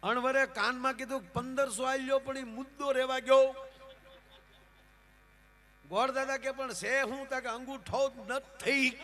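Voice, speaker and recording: A man's voice: very high-pitched, fairly even intonation, unhurried, long pauses, fairly bright tone. A man with a Gujarati accent telling jokes on stage as a folk comedian, acting out characters in raised voices. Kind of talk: live stage storytelling with jokes. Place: live outdoor folk program.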